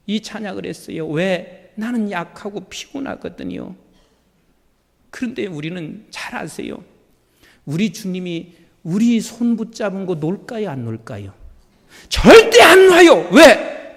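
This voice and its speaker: A male pastor preaching a sermon, emphatic and rising to shouted declarations. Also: high-pitched, gravelly, long reverb tail.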